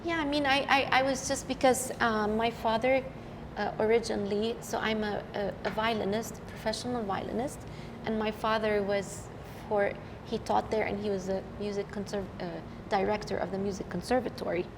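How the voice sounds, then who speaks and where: A middle-aged woman from Lebanon with a gravelly voice, speaking unhurriedly as a podcast guest. Her words trail into a long reverb, with clear noise around her. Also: medium pitch, fairly even intonation. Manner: warm, unhurried storytelling with fillers. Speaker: guest, professional violinist. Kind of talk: casual interview chat.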